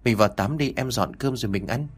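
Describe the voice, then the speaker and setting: Male narrator doing a soft young wife, higher voice, dutiful and polite, storybook. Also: fast, slightly rough, natural voice. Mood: gentle. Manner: gentle, dutiful, forced cheer. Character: young wife hiding her unhappiness.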